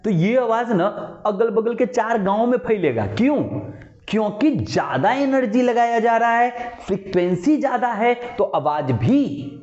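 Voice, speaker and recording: Male teacher, playful explainer who acts out voices; high voice, muffled lo-fi sound. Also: very animated, measured pace, darkish tone, reverberant. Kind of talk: explanatory lecture. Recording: dull lo-fi recording.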